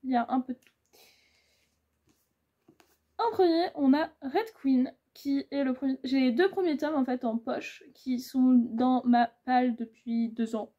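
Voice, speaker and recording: This twenty-something booktuber has a high-pitched voice and keeps a measured pace while chatting about her book haul. The audio is dull, and her talk wanders with plenty of filler words.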